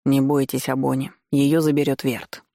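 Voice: medium pitch, flat delivery, moderate pace, vocal fry, mellow, no room sound, studio quality, close to an everyday voice. Чтец изображает сдержанного властного лэрда. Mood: сдержанный. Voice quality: сдержанный, вкрадчивый. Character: сдержанный властный лэрд-муж.

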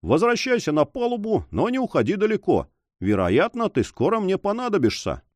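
A man's voice: high voice, wildly swooping pitch, no room sound, studio quality, voice pushed up. Brief: male reader playing a smug, taunting sailor in an audiobook; raised, swooping delivery. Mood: mocking. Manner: sly, taunting, slow and emphatic. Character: mocking, cool-headed sailor blackmailing an officer. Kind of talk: audiobook character voice.

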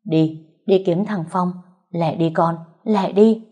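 A worried, middle-aged mother-in-law, voiced by a woman, speaks, coaxing and soothing. Her voice sits low and mellow. It carries a soft husky edge. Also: unhurried. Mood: urgent. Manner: urgent, then coaxing and soothing.

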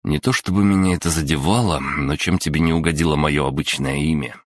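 A man's voice: very deep voice, a little fast, dry recording, clean studio sound. A man reading an audiobook voices an impulsive teenage boy who speaks in an earnest, exclamatory way.

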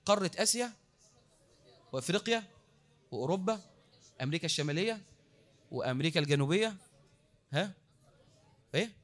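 Lively Egyptian preacher with a high voice. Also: male voice. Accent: Egyptian Arabic. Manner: lively, repeats words for emphasis, asks the crowd questions. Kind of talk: mosque lecture. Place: mosque.

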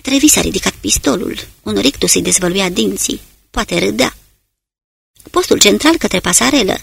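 A narrator reading a war novel aloud in a steady storytelling delivery. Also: medium pitch, gravelly, husky, dry recording. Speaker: audiobook narrator. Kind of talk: dramatic audiobook narration.

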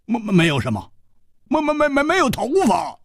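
A man's voice: on the high side, wildly swooping pitch, takes it slowly, vocal fry, no echo, studio quality, pitched above the performer's own voice, full character voice. A man voicing a proud young swordsman who stammers when flustered, in a radio storytelling performance. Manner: stammering, indignant. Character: startled young male swordsman, blunt and proud.

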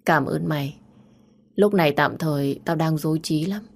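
A weary young woman, voiced by a woman narrator speaks in a low, drained voice. Her calm is restrained rather than soft. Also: moderate pace, vocal fry. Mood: curt, drained. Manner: tired, restrained. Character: weary, wounded young woman, quietly defiant.

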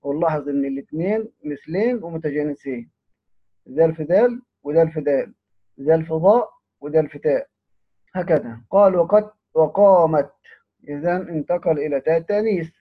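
Tinny-sounding Egyptian man teaching slowly. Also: fairly high pitch, lively intonation, husky. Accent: Egyptian Arabic. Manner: explains step by step, quotes verses slowly and drawn out, asks the listener questions. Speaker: teacher of Quranic recitation. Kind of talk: recorded lesson. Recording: tinny phone-like recording.

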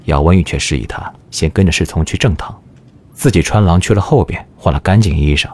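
A man's voice: deep voice, brisk, a little mellow. A man narrating a historical audio drama in a scripted, dramatic storytelling style. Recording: music behind the narration.

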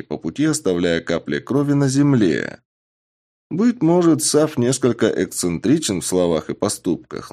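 A man narrating a fantasy audiobook in the first person, with expressive storytelling. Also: medium pitch.

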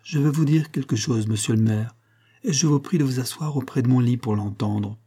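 A man's voice: mid-range voice, normal speed, mellow, husky, lightly acted. A man reading aloud voices a feverish, dying young country woman who speaks earnestly and breathlessly.

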